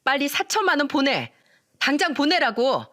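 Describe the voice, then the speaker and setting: A woman's voice: fairly high pitch, big pitch swings, moderate pace, a bit bright, dry recording, clean studio sound. A woman voicing a rude, greedy young sister-in-law who screams insults and demands money, in a storytelling reading. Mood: screaming. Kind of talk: storytelling radio drama reading.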